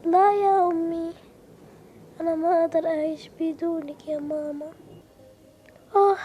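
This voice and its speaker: A woman's voice: very high voice, warm tone, a little hiss or hum. Woman voicing a tearful abandoned little girl. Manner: weepy, pleading calls for her mother. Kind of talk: Roblox story role-play voicing.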